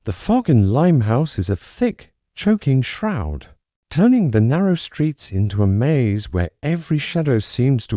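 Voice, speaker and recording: A man's voice: mid-range voice, mellow, dry recording, clean studio sound. A man giving a scripted, suspenseful reading of a mystery story for a children's bedtime audience.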